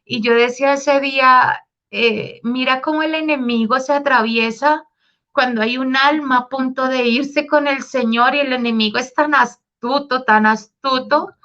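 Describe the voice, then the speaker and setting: A woman with a high, bright voice tells her personal faith story in an earnest, heartfelt way. The recording sounds slightly dull and lo-fi. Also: steady tone, normal speed.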